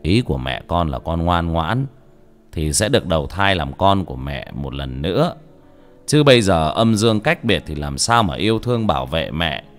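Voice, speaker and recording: A man's voice: sits low, sing-song, moderate pace, soft background music, voice pushed down. A man voicing a stern male exorcist master who commands spirits with authority. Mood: coaxing.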